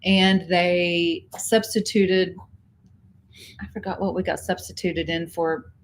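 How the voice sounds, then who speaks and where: A woman's voice: lowish voice, fairly even intonation, slow. Chatty giggly woman. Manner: chatty and giggly, with many fillers and restarts. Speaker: co-host of a cruise channel livestream. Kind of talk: casual livestream chat. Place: home indoors.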